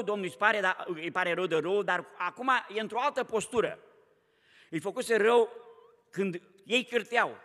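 A man from Romania preaching a sermon in a church, fervent, swinging between loud exhortation and hushed tones. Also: high voice. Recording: hall reverb.

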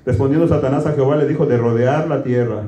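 A man's voice: mid-range voice, fast, mellow, reverberant. A man preaching a conversational sermon, folksy and quizzing his congregation with questions. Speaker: pastor.

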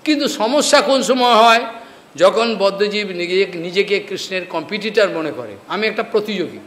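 A man's voice: high-pitched, moderate pace, a bit bright. A man from West Bengal giving a devotional sermon, often asking his listeners rhetorical questions and chanting verses. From West Bengal, India. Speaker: preacher. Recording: echoey hall recording.

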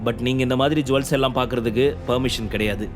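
A man's voice: mid-range voice, steady tone, fast, soft background music, natural voice. Guy playing a sweaty nervous shop manager, stammering and fawning, then stiff and preachy. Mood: stern. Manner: flustered, servile then scolding.

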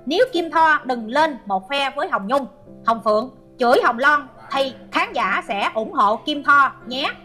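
Woman, middle-aged, sharp bright voice, reads fan comments and mocks a hater, high pitched. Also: animated, a little slow, soft background music. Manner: scolding and sarcastic toward a hater. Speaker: online commentary host. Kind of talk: reading viewer comments and ranting.

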